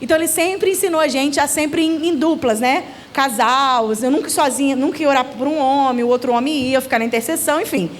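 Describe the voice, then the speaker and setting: A Brazilian woman giving a church seminar talk, telling stories with lively acted-out voices. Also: sits high, brisk, hardly any pauses, slight background noise. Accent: Brazilian Portuguese. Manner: animated, acting out the voices in her stories. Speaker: children's ministry leader and speaker. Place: church event hall.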